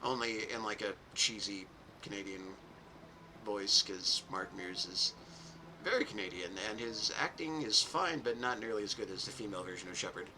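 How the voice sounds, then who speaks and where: A man's voice: lowish voice, moderate pace, bright, forceful tone, slight background noise, poor audio. A young man streaming a game, commenting in a rambling, self-mocking, casual way. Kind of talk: gameplay commentary.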